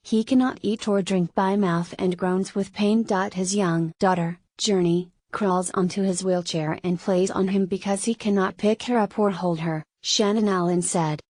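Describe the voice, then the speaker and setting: A woman's voice: mid-range voice, fairly even intonation, a little slow, hardly any pauses, a little mellow, dry recording. A woman reading a scripted news article as a narrator, quotes included in the same reporting voice.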